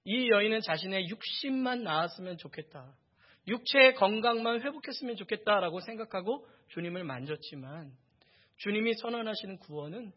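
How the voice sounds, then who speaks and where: A man's voice: sits high, expressive, fairly quick, lo-fi sound. A pastor preaching a sermon, asking his congregation rhetorical questions and building emphasis through repeated phrases.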